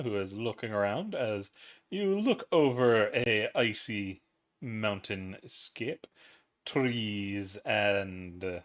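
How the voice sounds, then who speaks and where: A man narrating a tabletop role-playing game as its game master. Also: fairly low pitch.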